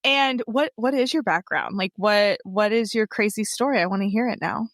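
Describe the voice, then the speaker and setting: A woman's voice: medium pitch, moderate pace, no echo. An American woman hosting a podcast in a casual, bubbly interview chat, laughing often and acting out the voices she quotes. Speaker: podcast host.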